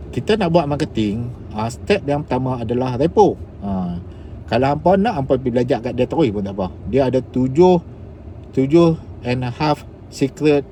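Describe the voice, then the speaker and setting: A man's voice: mid-range voice, dark tone, a little hiss or hum. A man with a Kedah Malay accent telling rambling stories on a live stream while driving. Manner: chatty, rambling, slips into dialect. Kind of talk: casual live storytelling. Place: inside a car while driving. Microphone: phone live stream.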